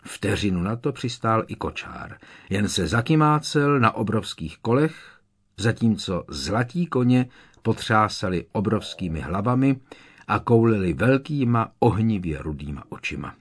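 A man reads a storybook aloud as narrator. His delivery is measured and expressive. The voice sits fairly low. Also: breathy edge. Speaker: audiobook narrator. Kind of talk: scripted narration.

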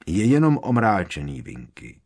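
A man voicing a calm elderly male headmaster wizard who asks quiet questions. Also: deep voice, husky, heavily acted. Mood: calm questioning. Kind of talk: audiobook character voice.

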